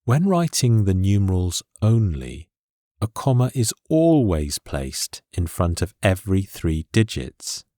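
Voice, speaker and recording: A man reads a scripted English lesson in a deep voice that rises and falls a great deal. He takes his time, setting out each rule slowly and clearly. The sound is dry and close to the mic. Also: very animated, warm tone, no room sound. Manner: slow, clear and deliberate explanation. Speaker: English teacher.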